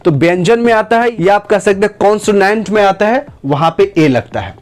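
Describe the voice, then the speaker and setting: A man teaching English grammar, who repeats and slowly stretches out each example sentence. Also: high voice, expressive. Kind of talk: spoken lesson to camera.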